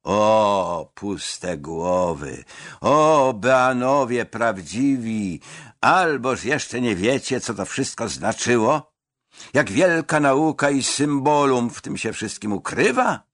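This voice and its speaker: A self-important official holds forth in a grand, sermonizing manner, as a man reads him aloud. His husky voice rises and falls widely and takes its time. The sound is dry and close, like a storybook reading. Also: medium pitch, expressive, measured pace, a bit bright, no room sound. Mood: preaching. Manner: grandiloquent, preaching. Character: pompous mustached older man lecturing youths.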